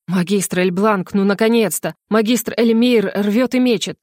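A woman's voice: mid-range voice, no echo, studio quality, natural voice. A woman voicing a flustered burly male guard who stammers and drags out his words in an audiobook. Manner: stammering, drawn-out, loud whispers.

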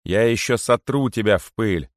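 A man doing a slow, hissing python king. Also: fairly low pitch, lively intonation, dry recording, clean studio sound. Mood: hissing threat. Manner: slow, hissing, stern delivery. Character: haughty, menacing male python king, ruler of boas.

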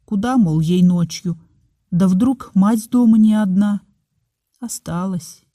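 A woman's voice: medium pitch, slow, dark tone, no room sound, studio quality. A woman doing a chatty old village mother. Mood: confiding. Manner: rustic folksy speech. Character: older village mother, talkative, guilt-ridden.

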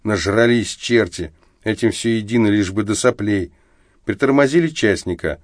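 Low-voiced male audiobook narrator. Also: moderate pace, no room sound, clean studio sound. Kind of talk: scripted literary narration.

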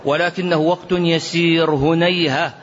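Man, religious Q&A lesson, fairly high voice, muffled recording with faint hiss. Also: fairly even intonation, unhurried. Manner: earnest preaching, mixes classical and dialect, quotes others. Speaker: Islamic scholar answering questions. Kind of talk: religious Q&A lesson with colloquial asides.

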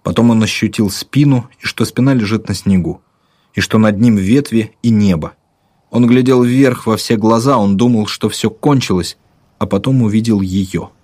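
Man, low voice, husky, dramatic audiobook narration, measured rhythmic delivery. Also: a little mellow. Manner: measured, vivid, rhythmic listing.

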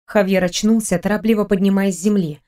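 A woman reading a romantic fantasy audiobook in a measured, gentle storytelling manner. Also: mid-range voice, steady tone. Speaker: audiobook narrator. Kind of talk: scripted narration.

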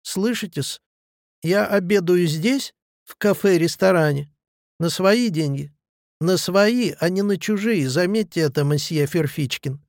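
A man's voice: high voice, unhurried, no echo, clean studio sound. A man reading the lines of a bitter, touchy young clerk who answers in clipped, defensive retorts. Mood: defiant.

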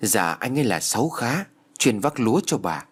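An eager, quick-witted young servant girl, as a male narrator voices her. She speaks brightly and helpfully in a husky reading voice. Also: mid-range voice, very animated.

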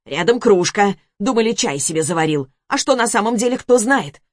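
A woman voicing a calm woman who smokes and talks in an offhand way. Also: medium pitch, a little fast, no room sound, studio quality, close to an everyday voice. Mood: unbothered. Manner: unbothered, offhand. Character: calm cool woman, smoking.

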